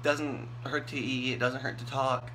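In a small bathroom, a young adult male vlogger chats casually to a camera held at arm's length. His voice is medium-pitched and flat, at a normal speed, with clear background noise in the room.

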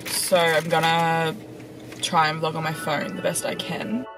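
A woman's voice: low voice, flat delivery, unhurried, over music. A young Australian woman in her twenties chatting casually to a handheld camera on a road trip, leaning heavily on fillers like "like". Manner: chatty, filler-heavy, says "like" often. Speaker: travel vlogger. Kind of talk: casual vlog chat to camera. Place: car and outdoors on a road trip. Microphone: handheld camera or phone. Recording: noisy with vehicle and outdoor sound.

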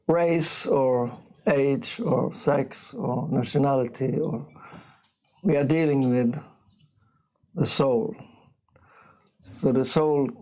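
Slow, halting older Norwegian man. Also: medium pitch, a little mellow, rough recording. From Norway. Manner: slow, halting, frequent throat-clearing and restarts. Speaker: visiting speaker. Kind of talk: informal spiritual class. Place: small bright room, seated on floor.

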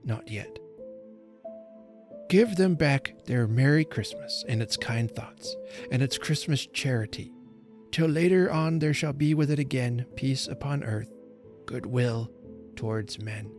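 A man voicing a grave, solemn old Father Time who speaks gently and gravely. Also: medium pitch, measured pace, music in the background, pitched above the performer's own voice, close to an everyday voice.

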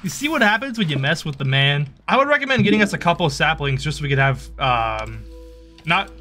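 A man's voice: a little high, very animated, a little fast. A young man chatting while playing a horror game with a friend, teasing him and yelping when startled. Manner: jumpy, yelps and shouts when startled, teasing. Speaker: gaming co-player. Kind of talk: casual gaming chat. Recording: music over the voice.

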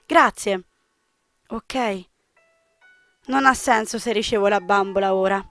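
A woman voicing a sorrowful, gentle young man in a visual novel, soft and wistful. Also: medium pitch, slow, soft background music.

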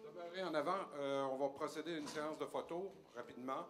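A man's voice: on the high side, steady tone, fast talker, music in the background. A man making practical announcements as master of ceremonies at a community event. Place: community hall with audience.

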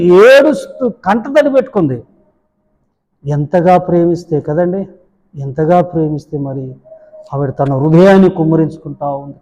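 A man's voice: high-pitched, warm tone, big-room sound, poor audio. A male pastor giving a daily devotional sermon, fervently retelling scripture with rising emotional emphasis.

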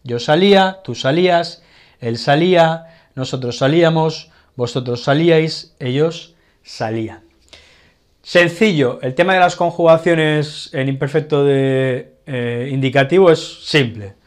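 A man with a Spanish accent explains verb endings in a relaxed, conversational way. His voice sits a little high, and he keeps checking in with his listeners as he goes. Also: a little slow. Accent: Spanish from Spain. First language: Catalan. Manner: explanatory, checks in with frequent "vale". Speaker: Spanish teacher. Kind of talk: casual grammar lesson.

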